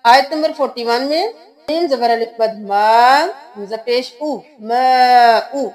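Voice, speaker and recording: Woman recitation teacher, high-pitched and slow, spelling words out letter by letter before chanting them. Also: a little mellow. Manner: spells letters and vowel marks slowly, then chants the words.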